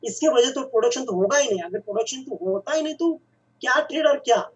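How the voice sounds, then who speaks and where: A woman with a husky, slightly breathy voice explains things to a radio host in an earnest way, often restarting and repeating her phrases. Her voice sits a little high. The recording sounds dull and lo-fi. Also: lively intonation, fast talker. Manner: earnest, with frequent restarts and repetitions. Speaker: expert guest on radio.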